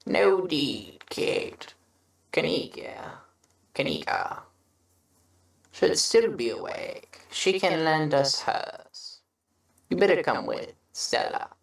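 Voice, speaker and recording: A woman voicing a middle-aged mother in a game, gentle and pleading. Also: low-pitched, big pitch swings, takes it slowly, gravelly, pauses often, heavy reverb, recorded from a distance, pitched above the performer's own voice, full character voice. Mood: coaxing.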